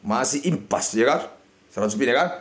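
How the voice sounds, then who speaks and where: A man, shouting and muttering over a slot game as he streams it. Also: medium pitch, expressive, brisk. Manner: shouting and chanting at the reels, swinging between yelling and mutters. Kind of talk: excited live slot-game commentary.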